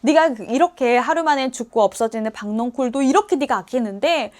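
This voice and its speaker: A woman voicing God as a patient figure who gently rebukes, speaking slowly and deliberately. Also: sits high, close to an everyday voice. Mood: pleading. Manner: slow, deliberate questioning.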